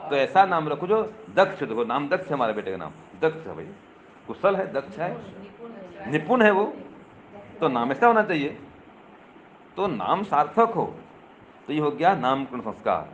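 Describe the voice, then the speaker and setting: Lively older man giving a sermon. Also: a little high, normal speed, long pauses. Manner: lively teaching tone, checks with rhetorical questions; addresses listeners directly, teasing. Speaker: swami. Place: gathering with a live audience. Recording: dull lo-fi recording with faint ambience.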